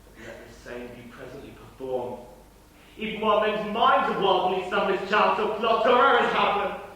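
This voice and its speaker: A man's voice: lowish voice, flat delivery, unhurried, a little mellow, lightly acted. A man playing an earnest, urgent young courtier in Shakespearean stage acting. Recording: echoey hall, distant mic, faint noise.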